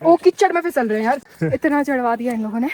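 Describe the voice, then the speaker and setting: A young woman with a Pahari-accented Hindi voice, pitched high, chats straight to her viewers in a lively travel vlog. She talks outdoors on a snowy mountain pass, recorded on a handheld camera, and sounds a little short of breath from the altitude. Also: fast talker. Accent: Pahari-tinged Hindi. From Himachal Pradesh, India. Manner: chatty and excitable, addressing viewers directly. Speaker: solo motorcycle travel vlogger.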